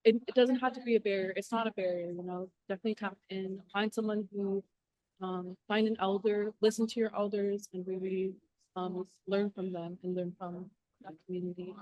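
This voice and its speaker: Speaking a little fast at medium pitch, a young woman from southwest Alaska, an engineer on a panel, chats casually with a warm tone but flat delivery. She comes across as earnest and encouraging, filling her speech with fillers, on a low-quality recording with no echo.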